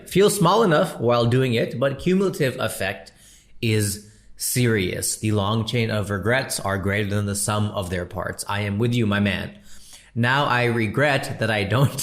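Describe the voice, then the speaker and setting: Chatty man with a lowish voice. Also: fairly bright tone. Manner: chatty, slangy, addresses listener as bro. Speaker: podcast host and comedian. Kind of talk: casual podcast monologue answering a listener.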